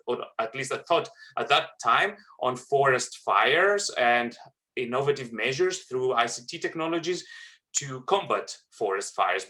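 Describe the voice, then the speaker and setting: Man, bright clear voice, webinar trainer, earnest, lots of fillers. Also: mid-range voice. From Greece. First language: Greek. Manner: earnest, halting with many fillers and restarts. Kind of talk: presenting a webinar.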